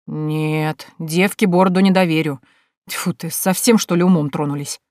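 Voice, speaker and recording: Woman doing bearded butcher, blunt, suspicious, gruff, close dry sound. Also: deep voice, fairly even intonation, normal speed, a little mellow, dry recording, natural voice. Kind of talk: audiobook character voice.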